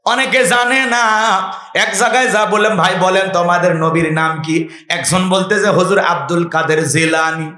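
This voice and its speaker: A man's voice: high-pitched, fairly even intonation, normal speed, bright, forceful tone. A man preaching a comic sermon, rousing the crowd and calling on them to answer back. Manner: rousing, calls on the crowd to respond, mimics voices. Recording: echoey outdoor PA sound.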